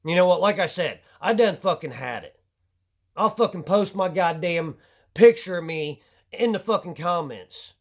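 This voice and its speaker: A man's voice: sits high, expressive, moderate pace. A man venting his anger in a crude, heavily profane monologue to camera. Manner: angry, crude and swearing heavily. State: short of breath at times. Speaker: vlogger.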